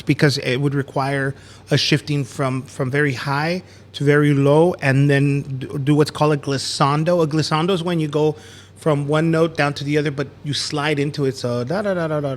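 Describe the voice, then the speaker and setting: A man co-hosting a podcast in casual chat, rambling with many fillers and restarts. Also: a little high. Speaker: podcast co-host.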